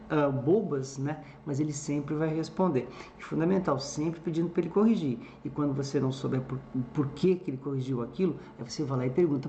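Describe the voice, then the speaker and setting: A man teaching through a screen-recorded tutorial, walking through each step and pausing to check the listener is following. His voice is dark and mellow. The sound is roomy and echoey, with a faint hiss underneath. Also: a little high. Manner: explains step by step with frequent "tá?" check-ins. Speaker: English teacher. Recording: echoey room with faint background noise.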